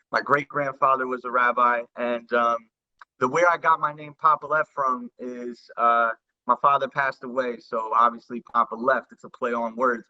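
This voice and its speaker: A rapper in his thirties from the New York and New Jersey area tells his story as a guest in a casual interview, sounding earnest and halting with many restarts. His voice is medium in pitch with a sharp tone, and the recording has a dull lo-fi quality.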